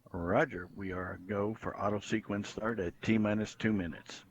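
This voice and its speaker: A man's voice: fairly low pitch, fairly even intonation, normal speed, a little hiss or hum. A man giving clipped, procedural flight director callouts over a lo-fi launch control radio loop. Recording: dull lo-fi comms audio from far off.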